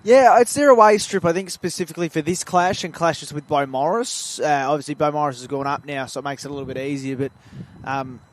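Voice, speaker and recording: Australian man, football commentator, fairly high voice, chatty, lifts with the play. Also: fairly quick, hardly any pauses, slight background noise. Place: at a suburban football ground.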